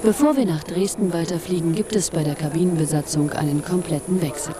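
A woman's voice: lowish voice, fairly quick, crowd noise. A woman reading scripted documentary narration as a voice-over. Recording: clear aircraft noise behind narration. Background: aircraft and airport ambience.

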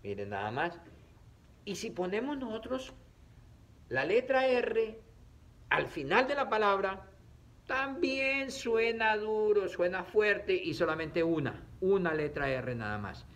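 Male teacher, slightly high voice, playful and drawn-out phonics delivery for kids. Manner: slow, drawn-out syllables, playful and animated. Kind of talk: children's reading lesson on camera. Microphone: camera.

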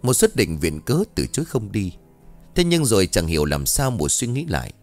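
Brief: male ghost-story narrator, lively pitch, faint music bed. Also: moderate pace. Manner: expressive, dramatic delivery. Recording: soft background music.

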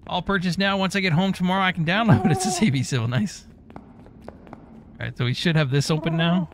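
A man gives casual, rambling live-stream game commentary in a jokey way. His voice sits a bit high and moves around a lot, with game ambience behind him. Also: expressive, fast talker, noisy background.

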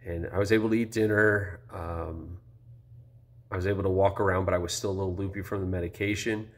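Low-pitched and fairly quick, a vlogger in his thirties chats through a casual, rambling review of his own, with plenty of ums and restarts. He's congested and a little worn out after nose surgery. He films indoors under a high ceiling, holding the phone camera close.

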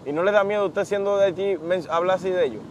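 A man's voice: sits high, rapid-fire, a little hiss or hum. A young man interviewing a preacher outdoors on a beach, eagerly echoing and prompting him. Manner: eager, echoes answers. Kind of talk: casual interview with agreeing interjections.

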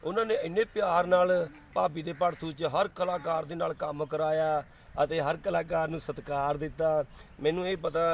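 Man, forties, Punjabi accent, slightly high voice, casual interviewee, faint outdoor noise. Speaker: comic performer being interviewed. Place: outdoors in a leafy park.

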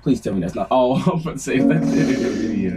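A man's voice: medium pitch, expressive, rapid-fire, over loud music. A young man making casual, teasing, profane reaction commentary with a friend and giggling through his words. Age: young adult. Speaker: reaction video host.

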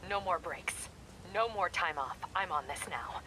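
Sharp, stern policewoman. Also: on the low side, a little slow, a little hiss or hum, low-quality recording. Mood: angry, resolute. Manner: curt, no-nonsense. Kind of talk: video game voice acting.

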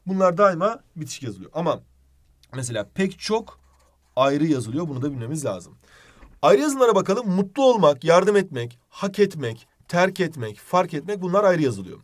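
A man giving a fast-moving grammar review for exam students. His voice sits a little high for a man and swings widely in pitch. He calls out the example words with clear emphasis. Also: sing-song. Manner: brisk, emphatic, stresses example words in a raised voice. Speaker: teacher. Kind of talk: exam-prep grammar lesson.

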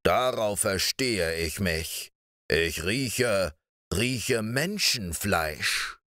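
A man doing a huge, man-eating giant who growls low and drags out every word. His voice is deeper and rougher than the reader's own, and the sound is close and dry. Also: animated, pushed and bright, no echo, full character voice. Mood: sinister. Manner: slow, menacing growl.

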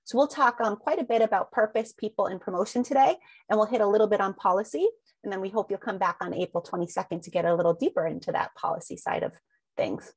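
Presenting a webinar over slides, a woman with a medium-pitched, husky voice speaks quickly through a long string of rhetorical questions. She says um often and sounds slightly sniffly from allergies. There's no room sound.

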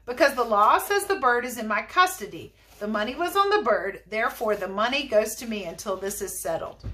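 A woman's voice: on the high side, expressive, a little fast, pushed and bright. A woman voicing a stern, rule-bound male game warden in a storybook reading.

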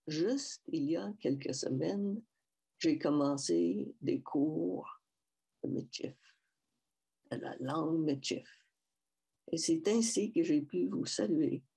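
A gravelly, husky, warm voice on the low side belongs to an older woman from Saskatchewan with a Métis French accent of western Canada. She is a guest speaker at a public event, giving a slow, reflective personal talk with restarts and repetition. She is on a video call through a headset mic, indoors in a small room at home.

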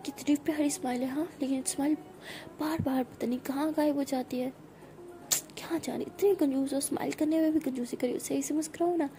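A woman's voice: high voice, steady tone, a little fast. Woman whispering as a soothing protective lover. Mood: coaxing. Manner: hushing, coaxing, tender. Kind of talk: whispered role-play. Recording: noisy recording.

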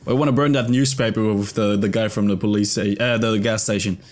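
A man's voice: fairly low pitch, fairly even intonation, a little fast, darkish tone. A man in his twenties giving casual let's-play commentary into a close desk mic, thinking aloud in a hesitant mutter. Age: 20s. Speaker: gaming video host. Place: indoor room at a desk. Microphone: close desk microphone.

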